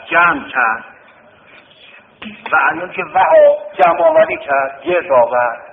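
Male teacher, higher-pitched, drills a class with repeated questions; thin phone-like sound, echoing room. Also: creaky, slight background noise. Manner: repetitive, drilling students with questions. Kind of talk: classroom lesson on Arabic word roots. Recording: tinny lo-fi classroom recording with long reverb.

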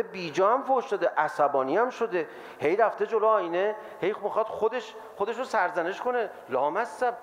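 A man giving a lively sermon to an audience, acting out the voices of people he quotes. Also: sits high. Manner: animated, acts out quoted voices. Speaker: religious lecturer.

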